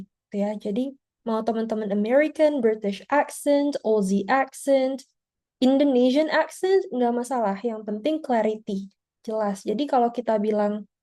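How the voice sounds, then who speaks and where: Teaching an IELTS speaking-test class online via video call, a woman with a slightly high, warm, mellow voice walks through points step by step. Her manner is relaxed and chatty, and she tags her points with small filler words.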